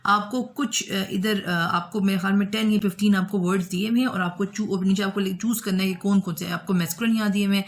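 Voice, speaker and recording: A woman's voice: medium pitch, steady tone, quick pace, few pauses. A woman English teacher patiently walking students through exercises, giving many examples and often checking with "okay". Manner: explains patiently with examples, switches between Hindi and English, repeats "ठीक है". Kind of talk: classroom explanation of an exercise.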